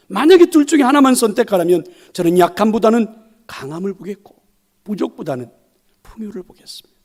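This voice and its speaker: High-voiced male pastor, whispering then booming. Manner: swings between loud emphatic lines and soft whispered asides; addresses the congregation directly, asks rhetorical questions. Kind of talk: sermon.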